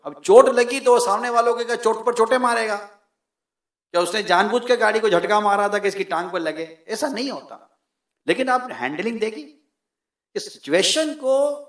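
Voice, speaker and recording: A man giving a sermon in a lively, emphatic way, his voice climbing into loud peaks. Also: high voice, normal speed, reverberant. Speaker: preacher.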